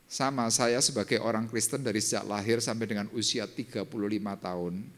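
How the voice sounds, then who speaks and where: An older man, a pastor, preaching a sermon and telling his own testimony, dropping to low murmurs and rising to loud, high exclamations. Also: steady tone, a little fast. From Indonesia. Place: church service.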